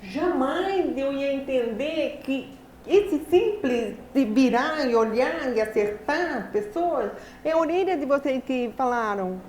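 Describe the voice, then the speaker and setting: A high-pitched Brazilian woman lecturing, her speech deliberate and carefully shaped, as if each sound took effort to learn. She tells her story with lively energy. Her voice rings through a very echoey hall with a faint hum of noise underneath. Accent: Brazilian Portuguese. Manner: deliberate, effortful articulation of a speaker who learned speech late. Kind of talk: personal storytelling talk.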